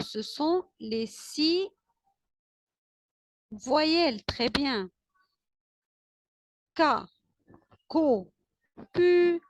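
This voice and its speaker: A woman teacher with an Arabic-speaking accent, leading a classroom alphabet lesson with slow, drawn-out repetition of letters and words and frequent praise. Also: sits high, no room sound.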